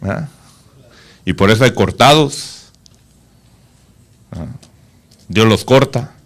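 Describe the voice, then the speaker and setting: Speaking slowly and expressively, a male pastor preaches to his congregation, asking them rhetorical questions. His voice sinks soft and low whenever he reaches a solemn point.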